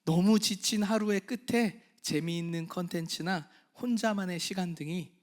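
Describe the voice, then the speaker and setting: High-voiced man preaching with soft and loud swings. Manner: asks the congregation questions, then answers them himself; shifts between soft half-whispered phrases and loud, slow emphasis. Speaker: pastor. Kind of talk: sermon. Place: church hall.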